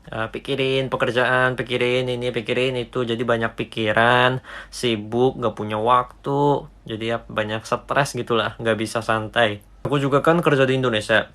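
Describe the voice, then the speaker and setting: Man, middle pitch, matter-of-fact, casual interview talk. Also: steady tone, moderate pace, a bit bright. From Japan. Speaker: office worker.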